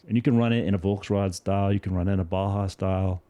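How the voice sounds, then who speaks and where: A man's voice: sits low, fast. A man, a guest engine builder, chatting casually about engines at a trade show and acting out customer exchanges. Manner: animated storyteller, acts out customer exchanges. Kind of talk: casual shop talk.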